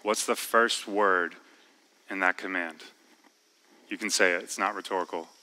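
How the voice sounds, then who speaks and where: A man preaching a sermon in a church, talking in a conversational way and slowing down to stress key words. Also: sits low, fairly even intonation, sharp tone, rough recording. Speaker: pastor. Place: church sanctuary.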